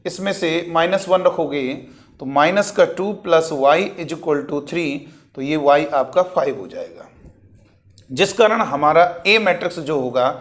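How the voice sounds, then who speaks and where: A man's voice: a little high, lively intonation, measured pace. A man teaching maths to exam students, working through a problem step by step and asking and answering his own questions, with spoken.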